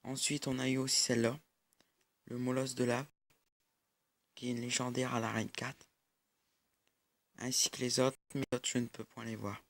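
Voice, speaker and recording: A man's voice: mid-range voice, little pitch movement, normal speed, pauses often, fairly bright tone, no room sound. A young man giving casual mobile-game commentary over a recording of his screen, hesitant and full of fillers. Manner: hesitant, many fillers and restarts. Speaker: gaming YouTuber.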